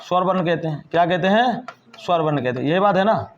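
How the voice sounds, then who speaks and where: A man's voice: high voice, lively intonation, quick pace, slight background noise. A man teaching a whiteboard grammar lesson, asking the class questions and answering them himself. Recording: dull lo-fi recording.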